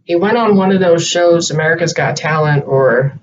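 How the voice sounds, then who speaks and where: A man's voice: fairly high pitch, normal speed. A man chatting casually as co-host, rambling and hesitant as he thinks aloud. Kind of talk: casual chat. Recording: distant muffled home recording with light hiss.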